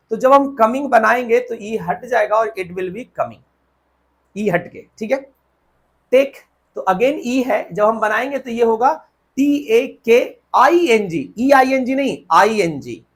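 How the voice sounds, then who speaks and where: Husky-voiced Indian grammar teacher. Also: male voice, very high voice. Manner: spells out words letter by letter, checks understanding often; switches to slow deliberate reading for English rules. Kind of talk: whiteboard grammar lesson.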